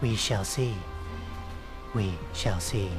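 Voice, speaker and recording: An actor voicing a calm, menacing evil robot AI villain in a video game, speaking in a cold, measured, threatening way. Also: male voice, fairly low pitch. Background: game music.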